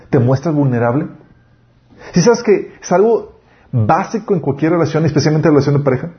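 A man's voice: on the high side, highs cut off. Conversational man preaching a sermon. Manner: conversational preaching with frequent rhetorical questions. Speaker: pastor.

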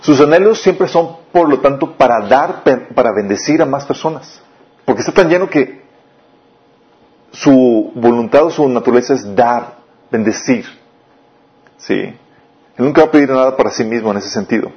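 A man preaching a sermon, often asking the listeners questions and swinging between raised and lowered delivery. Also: normal speed, long pauses. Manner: questioning the listeners often, lively rises and drops. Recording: dull lo-fi recording.

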